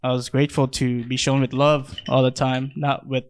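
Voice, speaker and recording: A young man from the Philippines chatting casually on a podcast, rambling and halting, swearing freely, close on a handheld mic. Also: mid-range voice, little pitch movement, smooth, no room sound. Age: young adult. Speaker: podcast host. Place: small plain room, indoors. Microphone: handheld microphone held close.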